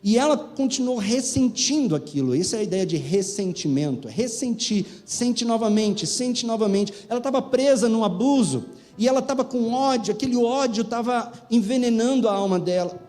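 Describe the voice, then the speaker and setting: A man's voice: extremely high pitch, animated, normal speed, few pauses, mellow, faint music behind. A man in his forties, a pastor with a Brazilian Portuguese accent, preaching a sermon that rises and falls in fervent bursts. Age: 40s.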